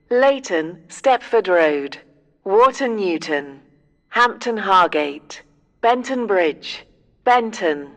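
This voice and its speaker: A woman giving an automated train station announcement in a slow, even, measured delivery. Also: mid-range voice.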